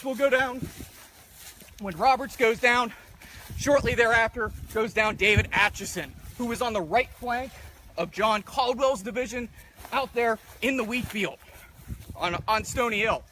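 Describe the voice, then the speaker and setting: A man's voice: very high-pitched, sharp tone, slight background noise, poor audio. A man outdoors telling the story of a soldier's fate in battle, narrating steadily with occasional fillers. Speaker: battlefield historian. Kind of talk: storytelling history talk. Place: outdoors in a field.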